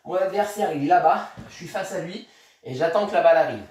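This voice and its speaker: A man's voice: on the high side, animated, fairly quick, a little mellow, heavy reverb, distant mic, a little hiss or hum. A man coaching children through a tennis workout, counting reps aloud and encouraging them while he demonstrates. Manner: moving while talking, demonstrating exercises. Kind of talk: instructing a kids' home tennis workout.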